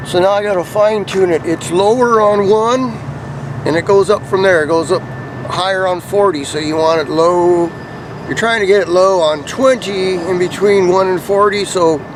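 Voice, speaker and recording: In and around a parked truck, a vlogger shows off CB radio antennas in a casual, hands-on way, rambling and thinking out loud. His voice sits high at a normal speed, and background noise is audible.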